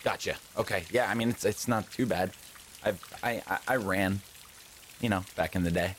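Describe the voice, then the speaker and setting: A man's voice: low voice, moderate pace, fairly bright tone, slight background noise. A man playing a tabletop game, upbeat and encouraging, giving little pep talks in casual banter. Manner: upbeat, pep-talk cheerleading. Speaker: tabletop player.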